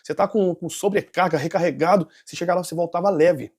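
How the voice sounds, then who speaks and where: Brief: nervous man, high husky voice, rushed testimony with restarts. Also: a little mellow. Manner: rambling, with restarts and self-corrections. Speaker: interview guest giving a testimony. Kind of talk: personal testimony storytelling.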